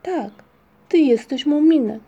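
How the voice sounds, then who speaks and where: A woman doing a calm troll mother. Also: high-pitched, measured pace, highs cut off, voice pushed up. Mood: gentle. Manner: gentle, composed and serious.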